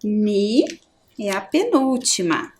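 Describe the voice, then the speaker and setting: A middle-aged woman with a Brazilian Portuguese accent, teaching a primary school lesson and splitting words slowly and clearly into syllables. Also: mid-range voice, sing-song, darkish tone. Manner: slow, clear syllable-by-syllable explanation.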